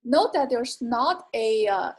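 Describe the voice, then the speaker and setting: Slow, patient woman teaching words. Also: fairly high pitch, expressive, a little mellow. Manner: patient, repeats each word twice with careful tones. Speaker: Chinese language teacher. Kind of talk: slow explanatory lesson narration.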